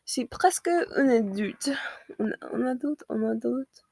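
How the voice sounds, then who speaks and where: A woman's voice: a little high, measured pace, creaky, mellow, no room sound, studio quality. A seventeen-year-old woman with an American accent and native English, chatting casually to viewers in a second language, hesitating as she searches for words and corrects herself. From United States. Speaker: vlogger.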